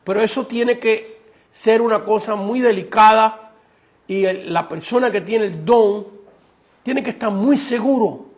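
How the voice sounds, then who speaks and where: Male pastor preaching, kinda high voice with lots of gravel, keeps asking the crowd questions. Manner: emphatic, asks the congregation rhetorical questions. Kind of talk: sermon.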